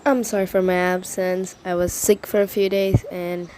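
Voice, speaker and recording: Woman vlogger, low-ish voice, a bit sick, rambling casual chat. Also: level tone, normal speed, dark tone, slight background noise. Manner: rambling, chatty, self-correcting. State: slightly sick voice. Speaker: vlogger presenting an invented world. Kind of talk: casual vlog narration.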